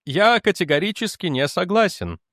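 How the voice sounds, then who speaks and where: Skeptical male official, read by a man, defensive, argumentative, slightly raised pitch, dry sound. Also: animated, moderate pace, fairly bright tone, no room sound.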